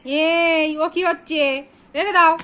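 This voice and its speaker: A woman's voice: extremely high pitch, steady tone, takes it slowly, pushed and bright, a little hiss or hum. A woman tutoring a small child at home, repeating prompts, coaxing and scolding in turns. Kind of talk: home reading lesson with a child.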